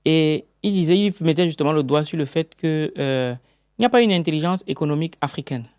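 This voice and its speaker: A man's voice: on the high side, expressive, a little fast, darkish tone, clear, resonant tone, dry recording, studio quality. A man interviewing a guest, posing long, reasoned questions and giving short murmurs of agreement while listening. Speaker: interviewer working in the book field.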